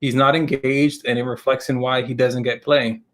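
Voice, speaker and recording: A man's voice: medium pitch, flat delivery, moderate pace, fairly bright tone. A man co-hosting a live basketball stream, giving emphatic, opinionated takes in casual slang. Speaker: co-host of a live sports show. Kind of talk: casual sports chat.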